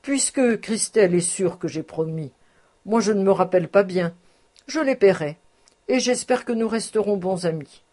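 A brusque, cautious cattle trader, voiced by a woman reading a story aloud, grudging and blunt in his words. The voice stays mellow and a little husky. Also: medium pitch, normal speed, lightly acted.

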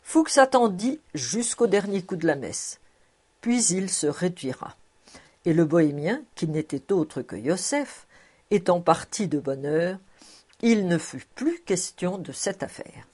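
A woman reading a classic novel aloud as an audiobook narrator. Her storytelling is expressive, and her pitch moves in wide, lively curves. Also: a little slow, husky.

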